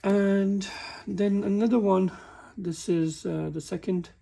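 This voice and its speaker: A man walking through a car repair in a halting, casual way, often stumbling and restarting his sentences. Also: high voice, fairly even intonation, vocal fry, warm tone. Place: workshop with a work table.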